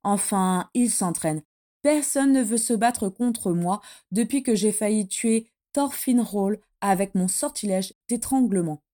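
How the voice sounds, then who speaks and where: A woman voicing a fierce, excitable young dark witch in a fantasy audiobook, who shouts eagerly and hisses when angry. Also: medium pitch, a little slow, natural voice.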